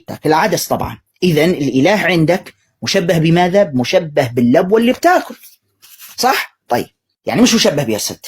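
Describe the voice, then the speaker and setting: Husky fast-talking preacher guy, sarcastic and mocking, pitch all over the place. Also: darkish tone. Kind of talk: polemical commentary answering recorded clips.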